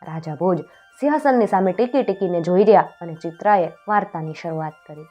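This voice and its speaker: A woman with a lowish voice narrates an old folk tale at an even storytelling pace. Her delivery is steady and clear, and faint music plays beneath her. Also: fairly quick, muffled recording. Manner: steady, clear storytelling with lifted voice for quoted speech.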